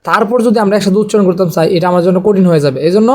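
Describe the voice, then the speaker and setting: A man teaching Quran reading, slowly and patiently spelling out Arabic letters and vowel marks. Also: high-pitched, darkish tone. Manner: slow, patient letter-by-letter drilling with short grammar asides.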